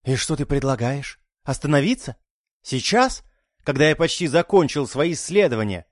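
A man's voice: on the high side, sing-song, normal speed, no room sound, studio quality. A man voicing an obsessed young male scientist chasing immortality, fervent and scornful. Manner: fervent, scornful, rising to outbursts.

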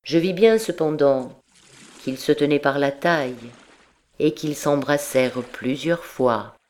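A woman narrating an audiobook in a measured, steady storytelling manner. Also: deep voice. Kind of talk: scripted narration.

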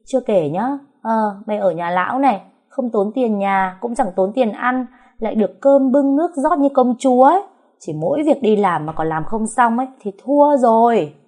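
Woman as blunt best friend in a storybook, scolding, warm timbre. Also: fairly high pitch, lively intonation, moderate pace, voice pushed up. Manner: scolding, lecturing.

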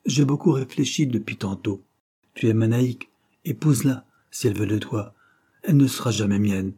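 A man voicing a gentle, self-sacrificing young peasant in an audiobook, speaking earnestly and pleading. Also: medium pitch, normal speed, husky, lightly acted. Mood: pleading, sorrowful.

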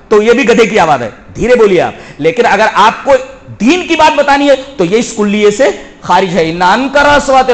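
A man preaching a sermon, reciting Arabic verses quickly and explaining them, moving between soft low passages and loud shouted emphasis. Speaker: Islamic preacher.

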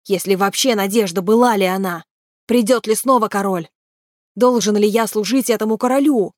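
A desperate young man pressing hard for answers, loud and urgent, as a woman reads him in an audiobook. Her voice stays close and dry, pushed louder than her narration. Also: medium pitch, moderate pace, no echo, lightly acted.

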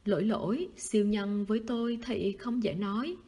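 A woman reading the lines of a wistful, quiet teenage schoolboy in a soft, husky voice. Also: moderate pace, dull audio. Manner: soft, low-key, sighing.

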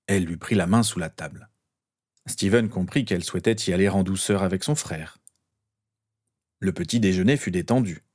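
A man's voice: deep voice, darkish tone. Man narrating an audiobook.

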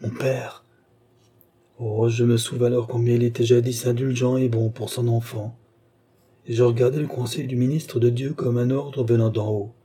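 A man voicing a grieving, remorseful young woman as she tells her story in an audiobook, in a measured, confessional way. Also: medium pitch, little pitch movement, warm tone, slightly rough, lightly acted. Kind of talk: audiobook reading.

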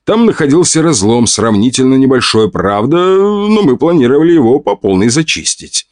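A man's voice: mid-range voice, moderate pace, no room sound. A man reads a first-person adventure audiobook, and his intonation rises and falls vividly. His voice sits in a middle register. The recording is close and bone-dry. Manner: lively, expressive first-person storytelling. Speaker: audiobook narrator. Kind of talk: scripted audiobook narration.

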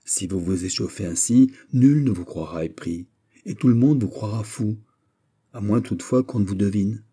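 A man's voice: lowish voice, moderate pace, warm tone, slightly rough. A man voicing a witty young princess who teases with arch, knowing remarks in an audiobook reading. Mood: teasing. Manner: arch, lightly mocking, knowing.

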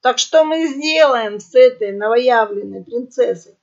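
A woman's voice: fairly high pitch, measured pace, a little mellow. A woman voicing a harsh male boar pirate captain who barks orders in a menacing way. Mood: stern. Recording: dull lo-fi audio.

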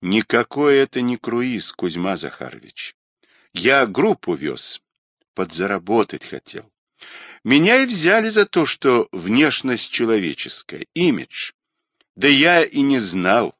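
A man's voice: mid-range voice, big pitch swings, slow, a bit bright, no room sound, studio quality, heavily acted. A man reading as a rueful young trader. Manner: confessional, self-pitying. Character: rueful guilt-ridden young male small-time trader.

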